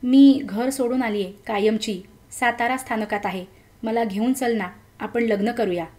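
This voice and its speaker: A woman voicing a lovesick young woman in a story, pleading softly. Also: fairly high pitch, moderate pace, natural voice. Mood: tearful.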